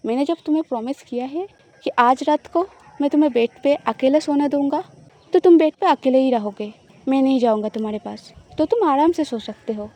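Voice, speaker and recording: A woman voicing a playful, possessive young wife who teases her partner, in a high, mellow voice. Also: brisk, natural voice. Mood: teasing.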